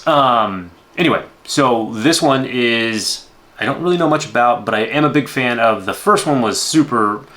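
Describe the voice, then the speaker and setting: A man's voice: medium pitch, expressive, moderate pace, sharp tone. A man in his thirties hosting a movie reaction, giving casual, unscripted commentary with rambling asides.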